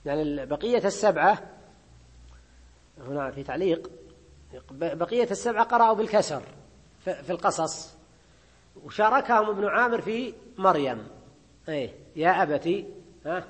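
A man with a husky, fairly high voice gives a classroom grammar lecture. He explains step by step and keeps checking in with his listeners with a quick questioning prompt. His voice trails off into a long reverb. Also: expressive. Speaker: grammar teacher.

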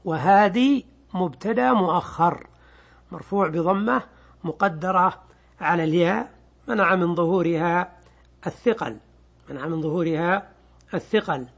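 A man teaching an Arabic grammar lesson, explaining slowly and repeating key words. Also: high-pitched, creaky. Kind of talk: classroom lesson on grammar and Quran readings.

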